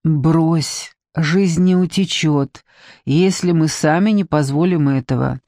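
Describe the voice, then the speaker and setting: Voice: medium pitch, dark tone, dry recording, clean studio sound. A reader doing a blunt, breezy woman friend. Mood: brisk, teasing. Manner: brisk and teasing. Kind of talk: audiobook reading.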